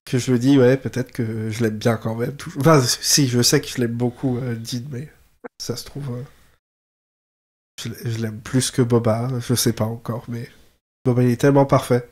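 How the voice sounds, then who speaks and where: A man's voice: medium pitch, fairly even intonation, moderate pace, a little mellow. Chatty man co-hosting a podcast. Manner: chatty, laughs often, wraps up the show. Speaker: podcast co-host. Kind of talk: casual podcast chat.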